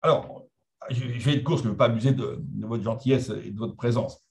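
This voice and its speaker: A middle-aged man from France giving a lively, conversational lecture to historians, with humorous asides. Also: mid-range voice, brisk, gravelly. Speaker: guest speaker.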